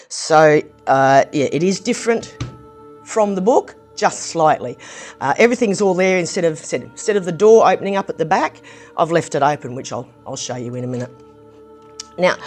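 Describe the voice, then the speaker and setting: A woman with a low, slightly croaky voice hosts a channel reviewing brick sets. She chats casually through a hands-on look at a building set, full of ums and restarts.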